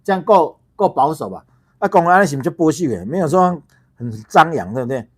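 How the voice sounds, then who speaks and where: A middle-aged man from Taiwan hosts his own political livestream in a heated monologue. His fairly high voice swings up and down sharply as he fires off rhetorical questions, stumbles over repeated words and curses freely. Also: lively intonation, brisk, slightly rough. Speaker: political party founder and livestream host.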